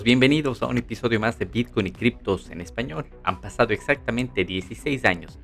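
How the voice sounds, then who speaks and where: Man, podcast host, low voice, casual and chatty, faint music behind. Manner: relaxed, chatty, with fillers. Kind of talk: casual spoken podcast intro.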